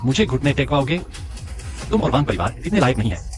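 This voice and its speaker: A man's voice: medium pitch, sing-song, fast talker, soft background music, lightly acted. A male voice actor playing a defiant young man with a cold, scornful delivery in a dubbed drama. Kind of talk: Hindi-dubbed drama acting.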